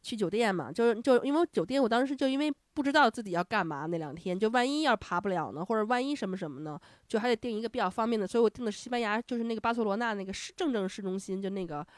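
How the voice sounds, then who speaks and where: 一位女主播在闲聊中讲旅行经历，讲得绘声绘色，常常笑，还会模仿对话。. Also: female voice, mid-range voice, very fast, few pauses, dry recording, studio quality. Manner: animated, laughs often, acts out dialogue. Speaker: podcast host. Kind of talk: casual chat, storytelling.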